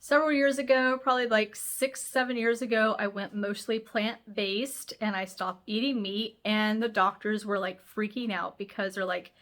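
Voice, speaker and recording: A woman's voice: mid-range voice, fairly even intonation, moderate pace, few pauses, fairly bright tone. A woman hosting a health channel, talking casually to camera in a chatty, rambling way, sounding nasal and congested.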